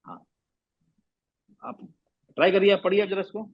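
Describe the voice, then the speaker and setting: A man's voice: high voice, fairly even intonation, normal speed, breathy edge, dry recording, muffled recording. A man teaching recitation rules to a class, patiently repeating sounds and asking questions.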